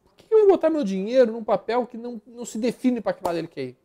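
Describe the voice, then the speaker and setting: A man's voice: extremely high pitch, sing-song, fast, mellow. A man with a Brazilian Portuguese accent giving live stock market commentary over charts, blunt and slangy, rattling off repeated words as he flips through them.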